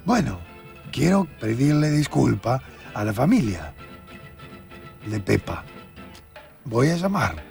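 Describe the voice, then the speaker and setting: A man's voice: medium pitch, sing-song, slow pace, vocal fry, pauses often, a little mellow, faint music behind. A man in his seventies with a Rioplatense Spanish accent tells a comic childhood story, insisting on his point and acting out the scenes. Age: 70s. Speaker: storytelling guest. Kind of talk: comic anecdote on a talk show.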